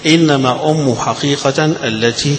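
Speaking at a medium pitch, a man with an Egyptian Arabic accent leads a religious lesson on Quran readings and their significance. He alternates between casual explaining and stretched-out, unhurried recitation, captured in a rough recording.

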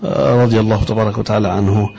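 A man with an Egyptian accent explaining hadith in a religious lesson, reciting quoted phrases slowly and deliberately. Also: fairly low pitch, little pitch movement, creaky, warm tone, husky. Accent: Egyptian Arabic. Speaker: religious teacher.

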